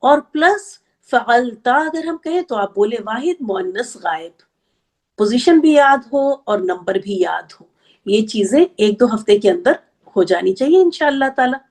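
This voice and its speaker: A woman teaching an Arabic grammar class, explaining patiently step by step and counting slowly aloud. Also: fairly high pitch, animated, a little mellow. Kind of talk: online class lecture.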